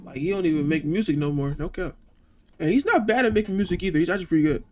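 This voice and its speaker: A man's voice: high voice, rapid-fire. A young man from Georgia with a Southern accent, talking loosely and profanely as he reacts to a video, often breaking into laughs. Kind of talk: casual reaction commentary.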